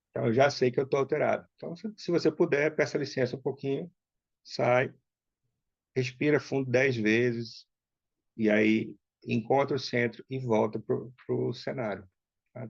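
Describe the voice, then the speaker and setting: A man leads an online workshop in a relaxed, conversational way and keeps checking in with his listeners. His mid-range voice has a gravelly edge. The call audio sounds dry and somewhat dull. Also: medium pitch, no echo. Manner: conversational, frequent tag questions. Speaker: workshop instructor. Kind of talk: casual online workshop talk. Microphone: online call mic.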